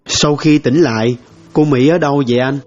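Man as curious young listener, polite, mid pitch, dull lo-fi recording, faint music. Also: normal speed, darkish tone, close to an everyday voice. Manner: polite, inquisitive.

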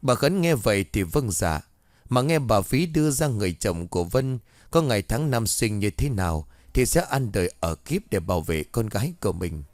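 A man narrating a ghost story at a steady storytelling pace. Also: fairly low pitch, moderate pace, no room sound.

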